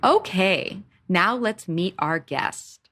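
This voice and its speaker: A woman's voice: mid-range voice, expressive, slow pace, a bit bright, no room sound, clean studio sound. A woman hosting a podcast interview in a casual, effusive, meandering way. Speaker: podcast host.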